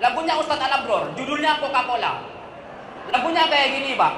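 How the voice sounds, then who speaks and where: High, bright-voiced comedian. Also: male voice, very animated, brisk. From Madura. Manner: addresses the audience as "Pak", sings jokey snippets. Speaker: stand-up comedian. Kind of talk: stand-up comedy set. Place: large hall with a live audience. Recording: echoey hall, crowd noise.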